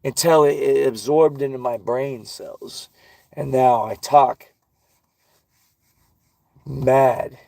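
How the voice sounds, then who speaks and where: A man's voice: mid-range voice, steady tone, slow, vocal fry, pauses often, a little mellow, dry recording. A man ranting and swearing constantly while walking outdoors in a park, vlogging. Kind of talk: profane outdoor rant.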